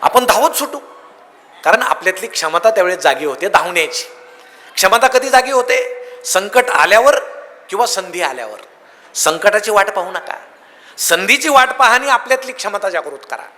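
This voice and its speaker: A man giving a humorous motivational speech, telling lively comic anecdotes to an audience. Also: sits high, moderate pace. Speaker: motivational speaker. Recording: long hall reverb.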